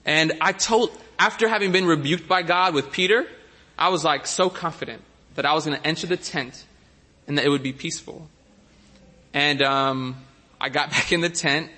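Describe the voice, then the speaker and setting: Bright-voiced man telling a faith story. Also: a little high, long reverb tail. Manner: casual, self-deprecating, halting restarts. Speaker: testimony speaker. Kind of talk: faith testimony talk.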